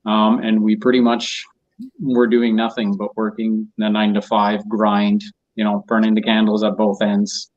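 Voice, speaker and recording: A man's voice: lowish voice, monotone, moderate pace, a little mellow. A middle-aged man speaking over a phone call as a guest on an online panel, easygoing and casual. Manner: easygoing, laughs at his own tech troubles. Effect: heard over a phone call. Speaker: guest on a real estate webinar panel. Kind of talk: casual conversational answers. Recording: dull lo-fi phone audio.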